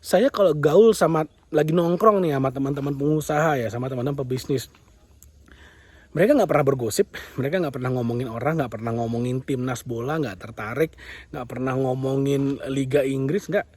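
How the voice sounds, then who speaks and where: A man's voice: medium pitch, fairly quick, a little mellow, slightly rough, no room sound. A man giving a motivational business talk, emphatic and repetitive, often acting out the complaints of other people. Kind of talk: motivational monologue.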